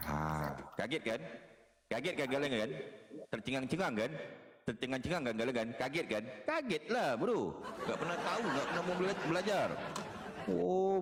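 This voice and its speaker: A man delivering a mocking, taunting monologue in a lecturing tone, repeating phrases and chuckling as he jeers. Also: on the high side. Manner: mocking, jeering, with frequent chuckles. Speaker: online religious commentator.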